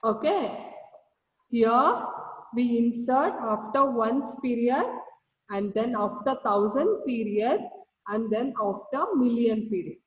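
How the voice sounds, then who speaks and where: A woman teacher with an Indian English accent, explaining a math lesson over a video call, slow and repetitive. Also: a little high. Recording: roomy, distant, dull call audio with faint noise.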